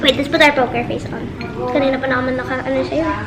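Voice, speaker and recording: A woman's voice: high-pitched, steady tone, racing, echoey room, music in the background. A young woman with a Filipino accent chats casually and teasingly in a food challenge vlog. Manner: playful, teasing banter with sibling. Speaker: vlogger. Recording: noisy room with clinking dishes.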